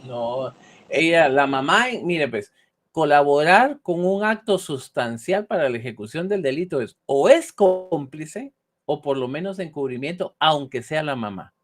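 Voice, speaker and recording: A man's voice: on the high side, animated, unhurried. A man lecturing on law, often ending points with a questioning tag and acting out short example dialogues. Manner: ends points with a questioning "¿verdad?". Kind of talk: online university lecture.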